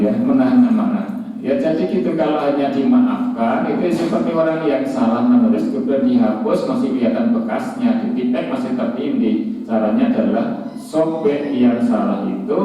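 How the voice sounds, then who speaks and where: A man with an East Javanese accent giving a humorous mosque sermon, mixing in Javanese and acting out listeners' replies. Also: medium pitch. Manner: humorous, mixes Javanese into talk, acts out quoted listeners. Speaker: preacher. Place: mosque hall. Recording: echoey hall, distant, dull sound.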